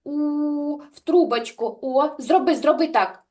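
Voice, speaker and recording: High-voiced woman teaching small children. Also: dark tone, a little hiss or hum. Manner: slow, exaggerated articulation of sounds; encouraging, praising pupils by pet names. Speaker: speech development teacher. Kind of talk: online lesson for young children. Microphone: video call.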